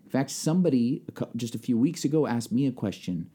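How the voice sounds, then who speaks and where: A man, a pastor co-hosting a podcast, talking in a lively, conversational way with frequent restarts. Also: medium pitch, fast talker, breathy edge. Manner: lively, talkative, restarts and acts out quotes. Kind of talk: casual podcast chat.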